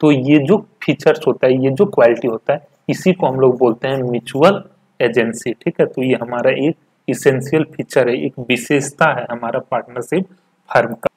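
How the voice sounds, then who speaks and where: Husky-voiced man teaching a commerce class. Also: medium pitch, darkish tone. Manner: explains step by step with frequent "ठीक है" check-ins; reads English textbook lines slowly, then explains them in Hindi. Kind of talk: recorded classroom lecture.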